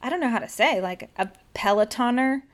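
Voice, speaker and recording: This woman's voice sits on the high side, expressive and brisk, as she co-hosts a casual podcast chat. She's American, chatty, and upbeat, breaking into laughter often.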